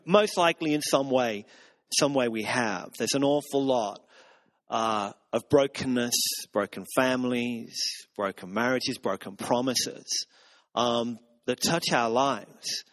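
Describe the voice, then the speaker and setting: A man's voice: medium pitch, measured pace, a bit bright. A man, a pastor, giving a conversational sermon with earnest, self-mocking humor.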